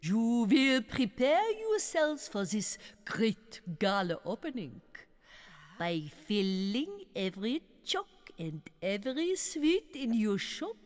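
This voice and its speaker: A woman's voice: fairly high pitch, big-room sound. A woman playing a cruel, gleeful, short-tempered witch leader in a dramatized audiobook, with foreign-accented English and a theatrical, commanding manner. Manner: theatrical, commanding, drawn-out relish. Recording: music behind the voice.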